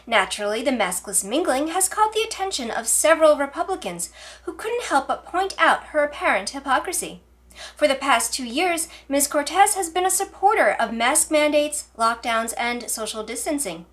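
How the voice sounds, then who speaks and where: A woman's voice: high-pitched, sing-song, normal speed, a bit bright. A woman reading scripted mock news as a parody news anchor, with formal, emphatic delivery.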